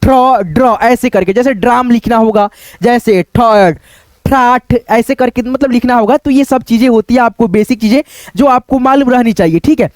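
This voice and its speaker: A man teaching how to read difficult Hindi words, sounding out each syllable slowly and repeating words, often checking in with his viewers. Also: very high-pitched, dry recording. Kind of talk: step-by-step spelling lesson.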